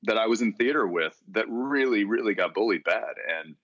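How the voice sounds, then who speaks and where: Deep low man from Texas, relaxed rambling interview talk, dry close sound, slightly dull audio. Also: brisk, dry recording. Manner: relaxed, rambling with frequent restarts. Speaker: actor being interviewed. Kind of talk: casual interview conversation.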